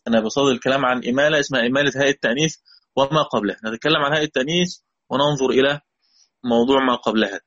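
A man's voice: mid-range voice, rapid-fire, a bit bright. Egyptian man teaching, dull lo-fi audio. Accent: Egyptian Arabic. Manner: patient, repeats key points, asks students questions. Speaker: Quran recitation teacher. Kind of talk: explanatory lesson.

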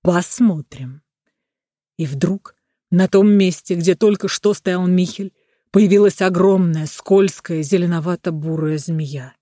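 A storyteller reading a fairy tale aloud in a measured, even way. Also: mid-range voice, no echo, clean studio sound. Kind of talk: scripted narration of a fairy tale.

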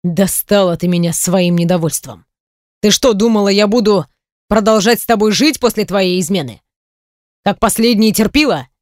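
A woman reading an audiobook voices a stern, proud middle-aged man, gruff and curt. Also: medium pitch, normal speed, no echo, clean studio sound, natural voice. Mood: angry.

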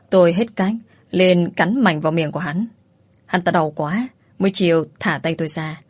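A woman's voice: on the low side, darkish tone, no room sound. A woman telling a first-person story in a dramatic, emotional way. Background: faint music.

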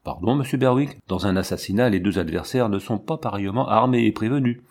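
A cold, commanding count with a fairly low voice, as a male reader puts him on, speaking in short, imperious, menacing sentences. He sounds like a storybook aristocrat who gives orders and expects to be obeyed. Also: fairly quick, darkish tone, natural voice. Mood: resolute. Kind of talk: audiobook narration.

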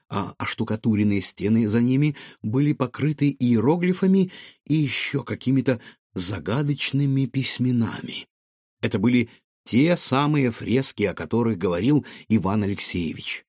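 A man narrating a children's storybook in an expressive way. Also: medium pitch, slightly rough, dry recording, clean studio sound. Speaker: audiobook narrator.

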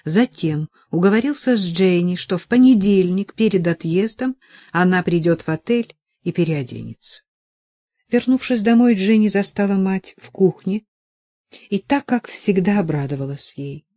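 A woman narrating an audiobook in a measured, even reading. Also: medium pitch, no echo. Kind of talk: scripted narration.

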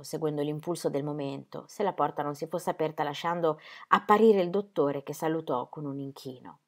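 Woman narrating a novel, low and expressive. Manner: measured, expressive storytelling. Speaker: audiobook reader. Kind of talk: literary audiobook narration.

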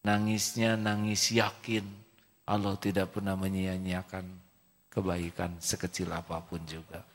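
Male preacher telling a story slow, bright lowish voice, echoey hall. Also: flat delivery. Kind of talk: sermon storytelling. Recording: reverberant hall.

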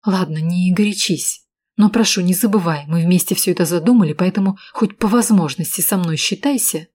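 A woman reading an audiobook, voicing a cool, calculating woman who speaks in a calm, measured and insistent way. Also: on the low side, close to an everyday voice. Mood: cold, insistent. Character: cool, calculating woman, steady under pressure.

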